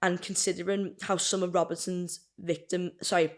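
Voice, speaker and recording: Woman, podcast co-host, lowish voice, casual true-crime read, slips on words. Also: flat delivery, moderate pace. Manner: chatty, laughs, stumbles over words, drinking wine. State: burping and hiccuping. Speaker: podcast co-host telling the case. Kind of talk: casual true-crime chat, reading notes.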